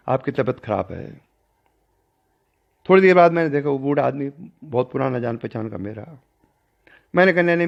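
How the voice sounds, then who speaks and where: An older man, a spiritual teacher, tells a personal story during a discourse, acting out the dialogue with shifting pitch and loudness. His voice is creaky, and the recording is dull and lo-fi.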